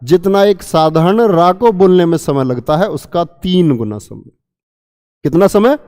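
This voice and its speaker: In an online exam-prep lesson, a man teaches Hindi grammar, quizzing students with repeated questions and stretching out sounds to demonstrate them. His high, darkish voice is expressive and measured in pace, and it sounds like he's in a large hall.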